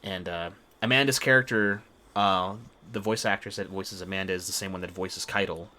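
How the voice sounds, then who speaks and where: Male gamer commentator: lowish, bright, earnest, rambling, slight background noise. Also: steady tone, normal speed. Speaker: gamer reacting to game story. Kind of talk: casual gameplay commentary.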